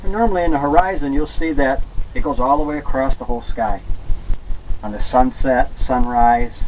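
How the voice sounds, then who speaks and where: Easygoing gentle guy walking thru a painting demo, medium voice, bit of noise in the recording. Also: mid-range voice, normal speed, low-quality recording. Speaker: painting instructor, host. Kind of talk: casual step-by-step painting demonstration.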